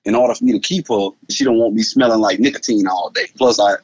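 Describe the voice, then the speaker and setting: A man's voice: on the low side, big pitch swings, fast, gravelly, a little mellow, no room sound, lo-fi sound. A man, talking loosely and repeating words in a casual conversation, laughing often. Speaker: guest.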